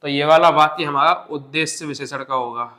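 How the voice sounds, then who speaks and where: A man's voice: a little high, steady tone, fairly quick, pushed and bright. Man teaching a grammar lesson. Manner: explains step by step, asks questions then answers them himself. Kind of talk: exam-prep grammar lesson.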